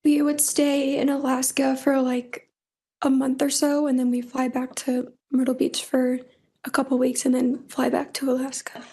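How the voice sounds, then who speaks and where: A young woman testifies in a courtroom in a high voice with plenty of vocal fry. Her delivery is soft-edged and mellow, and she answers briefly and plainly as a witness. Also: completely flat delivery, normal speed. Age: young adult.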